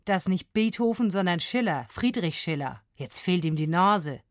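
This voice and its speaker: A woman's voice: lowish voice, animated, normal speed, no echo, clean studio sound, natural voice. A woman doing a stern old piano professor. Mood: lecturing.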